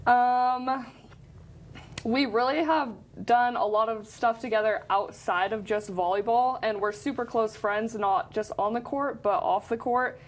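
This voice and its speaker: A woman's voice: a little high, unhurried. A young woman in her late teens giving casual interview answers as a student athlete. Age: teens, high school senior. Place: studio set.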